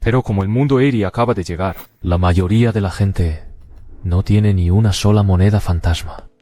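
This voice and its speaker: A man plays a cool young anime hero with a fairly low voice. He narrates and speaks like someone who knows the hidden danger. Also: moderate pace, warm tone, natural voice. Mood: explanatory. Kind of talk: anime recap narration and dialogue.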